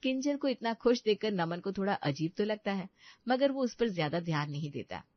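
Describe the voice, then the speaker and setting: A woman narrating a family story in a calm, even voice, in a dull, dry recording. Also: mid-range voice, fairly quick, no room sound.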